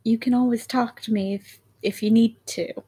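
A woman playing a tabletop role-playing game, talking in character in a soft, reassuring way. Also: a little high, fairly even intonation, normal speed, husky. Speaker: player.

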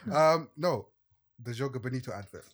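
A man's voice: mid-range voice, lively intonation, moderate pace. A young man with a London accent, bantering casually and teasingly with friends, often repeating his words.

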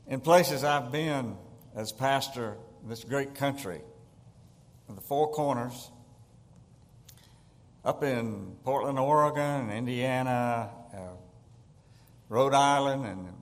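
Slow-talking Southern preacher in a church. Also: male voice, mid-range voice. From Tennessee. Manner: storytelling, chuckles at his own jokes. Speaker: guest pastor. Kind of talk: folksy sermon with humorous stories. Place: church sanctuary. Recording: long church hall reverb.

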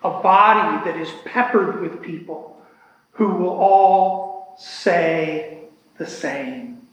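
Man, teacher of a church discussion class; slow, earnest and reflective delivery, higher-pitched voice, echoey church room recording. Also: a bit bright. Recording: echoey hall with long reverb.

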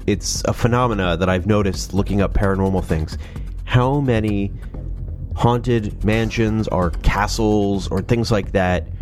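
His pitch fairly low and his tone darkish, a man nasal and congested from a sinus cold reads ghost stories into a studio microphone for his paranormal channel. He keeps it casual and adds sarcastic remarks.

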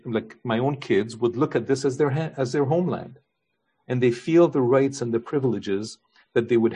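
Man, pastor, sermon, husky voice, earnest, repeated rhetorical questions. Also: fairly low pitch, darkish tone.

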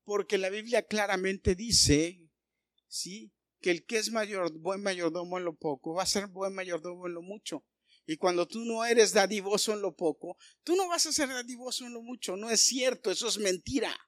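A male pastor preaching a sermon, animated and full of rhetorical questions aimed at the congregation. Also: high voice, normal speed, dry recording, studio quality.

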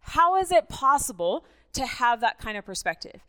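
A middle-aged Mexican woman, a native Spanish speaker, shares a personal testimony as a guest speaker at church. Her high voice moves at normal speed, and she talks in a lively, conversational way, often checking in with her listeners.

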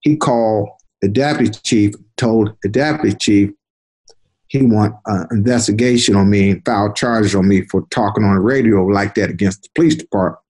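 An older man, a retired detective, telling stories from his career in an unhurried conversational way, often repeating words as he recalls. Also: on the low side, darkish tone, slightly rough. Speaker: interview guest, retired police detective. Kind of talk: conversational storytelling.

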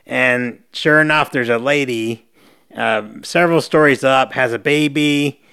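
A man co-hosting a podcast, chatting casually as he recaps a TV episode and acts out quick quotes from its scenes. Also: mid-range voice, pushed and bright, clean tone. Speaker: podcast co-host.

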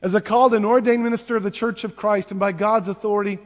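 A male pastor leading liturgical prayers at a pulpit microphone in a church, reading in a measured, solemn way. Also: sits high, steady tone. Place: church sanctuary. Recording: long church reverb.

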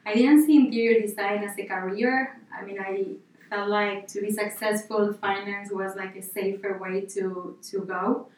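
A woman's voice: medium pitch, steady tone, normal speed, hardly any pauses, a little mellow, far from the mic. Argentine woman guest in an echoey room. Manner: rambling, casual, many fillers and restarts. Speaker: interior designer, guest. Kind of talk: podcast interview. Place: office.

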